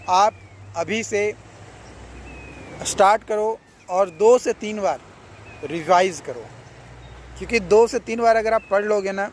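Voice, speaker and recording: A male coaching teacher speaks in a fairly high voice, talking students through exam preparation. He is casual and encouraging and keeps repeating each point. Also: a little hiss or hum. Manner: repeats key points, coaxing "yaar" and "theek hai". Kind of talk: casual exam advice lesson.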